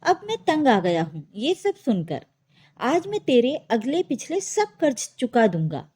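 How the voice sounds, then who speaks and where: Impatient grown son, brusque and scolding, high and lively in pitch, read by a woman. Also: unhurried, breathy edge, full character voice. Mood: dismissive.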